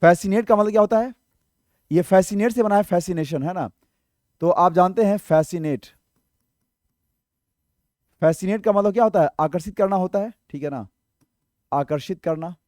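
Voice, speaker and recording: A man's voice: high voice, moderate pace, pauses often, a little mellow, no room sound, studio quality. A man teaching English vocabulary in an online exam-prep lesson, explaining patiently, asking rhetorical questions and checking in often.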